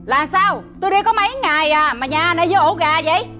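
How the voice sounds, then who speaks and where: A woman's voice: extremely high pitch, fast, sharp tone. An actress playing a stern, commanding mother-in-law who runs a wealthy household, faint music behind. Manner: stern, scolding. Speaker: household mistress.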